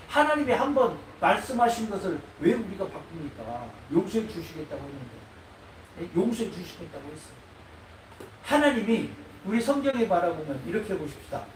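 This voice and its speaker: Animated, high-pitched preacher in a hall. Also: male voice. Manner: animated, prods the congregation with "eh?". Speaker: pastor. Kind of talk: sermon. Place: church sanctuary. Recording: echoey hall, mic far off, faint noise.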